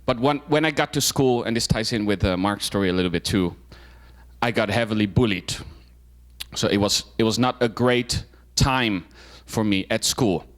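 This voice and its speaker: A young Dutch man with a fairly low voice shares his personal story with a club audience as a guest speaker. He talks at a moderate pace, informally, with lots of fillers and restarts.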